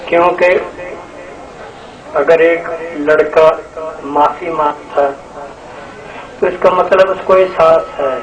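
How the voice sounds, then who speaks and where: A man's voice: on the high side, steady tone, long pauses. A man from Pakistan, a spiritual guide, preaching a devotional sermon at a shrine gathering, exhorting his listeners, repeating phrases and asking rhetorical questions. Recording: roomy, distant, noisy live recording.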